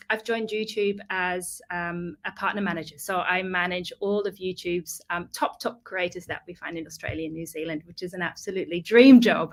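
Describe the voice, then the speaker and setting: A woman's voice: medium pitch, fairly bright tone. A woman from the Netherlands presenting in an online webinar, fluent and friendly with frequent ums. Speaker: YouTube partner manager presenting.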